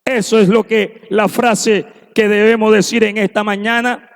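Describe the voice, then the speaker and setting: A man's voice: high voice, level tone, unhurried. A man preaching a sermon in a church, fervent and acting out the voices he quotes. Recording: long echo of a church hall.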